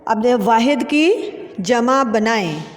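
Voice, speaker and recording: Slow, patient woman teacher, echoey room. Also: fairly high pitch, expressive. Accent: Pakistani Urdu. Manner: slow, patient spelling out letter by letter. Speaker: school teacher. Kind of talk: online Urdu lesson for children.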